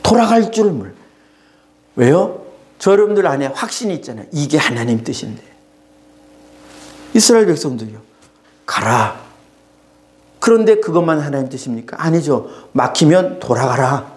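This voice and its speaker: High-voiced earnest male pastor. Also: very animated, fairly quick, long pauses, darkish tone. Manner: earnest preaching, acts out quoted voices in a sighing or mocking tone. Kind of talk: Sunday sermon.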